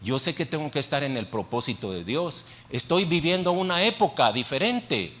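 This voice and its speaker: A man's voice: on the high side, sing-song, moderate pace, fairly bright tone. A male pastor preaching a sermon in a church, talking conversationally, putting questions to the congregation and repeating phrases for emphasis. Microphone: handheld microphone.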